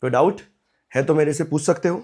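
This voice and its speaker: A man's voice: on the high side, a little fast, darkish tone. A young man teaching economics in a chatty, coaxing way, mixing English terms into his explanations. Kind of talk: online exam-prep lecture.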